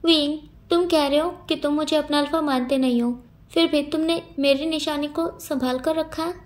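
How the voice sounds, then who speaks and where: A lovesick young man in a storybook reading, tearful and earnest, pleading again and again, as a woman reads him aloud. The voice sits high and bright for a man. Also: steady tone, moderate pace, lightly acted. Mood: persuading.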